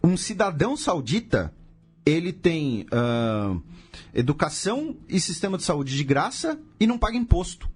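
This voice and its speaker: A man's voice: on the high side, very animated, moderate pace, husky, soft background music. A man with a Brazilian Portuguese accent, hosting a podcast and explaining history in a casual way, full of rhetorical questions and sarcastic asides.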